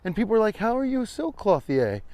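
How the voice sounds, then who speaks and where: Out on a trail, an American man around forty-something hosts a comedic walking vlog, rambling casually and irreverently with plenty of swearing. He talks quickly in a high, mellow voice with huge pitch swings, and there's no echo.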